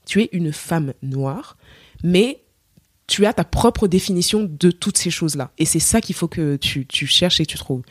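A young woman from Cameroon, a singer, chatting as a podcast guest and telling her story with lively acted-out quotes and many fillers. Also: lowish voice, measured pace, slightly rough, dry recording, studio quality. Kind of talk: casual interview chat.

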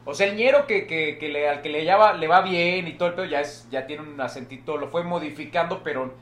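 A man's voice: on the high side, a little fast, fairly bright tone. A Mexican man hosting a casual podcast chat, joking and slangy, often repeating words as he starts a thought. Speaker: podcast host. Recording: echoey room with faint noise.

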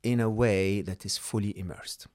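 His voice is fairly low, a little mellow and fairly even in intonation, moving at a moderate pace. A middle-aged podcast guest who isn't a native English speaker, he explains ideas emphatically in a coaching style and keeps checking in with "okay?" and "hmm?". The clean studio sound has no room sound.

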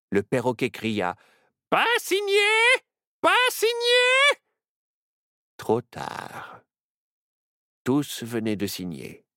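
A man reading a children's story aloud in a slow, expressive storytelling style. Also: lowish voice, dry recording, clean studio sound.

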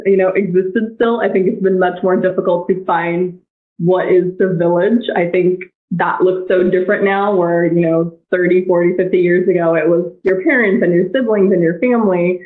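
A woman in her thirties talks casually on a podcast, often pausing and restarting her phrases. Her voice comes through a narrow, phone-like line. The room around her sounds echoey. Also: on the low side, steady tone. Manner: thoughtful, frequent restarts and fillers. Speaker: guest, bank technology head.

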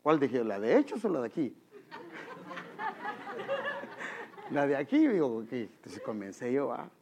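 A man's voice: mid-range voice, brisk, a faint crowd, slight background noise. A man preaching a sermon, telling stories and repeatedly calling his listeners brother. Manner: animated, addresses the congregation as brother. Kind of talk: sermon with storytelling.

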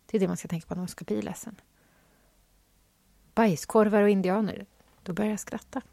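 A woman's voice: medium pitch, fairly even intonation, vocal fry, warm tone, dry recording. A woman hosting her own podcast, rambling chattily and questioning herself as she talks. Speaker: podcast host. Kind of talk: casual solo podcast monologue.

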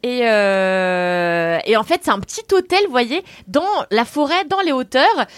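A young woman telling a travel story on a podcast, animated and slangy, laughing often. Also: a little high, a little slow, no echo. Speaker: podcast co-host. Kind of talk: casual chat, storytelling.

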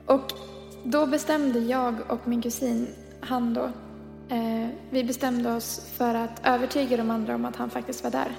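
Gravelly young woman telling a story. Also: a little high, flat delivery, a little mellow, faint music behind. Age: 20s. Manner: chatty, full of fillers, reenacts dialogue. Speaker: podcast co-host. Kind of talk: casual storytelling.

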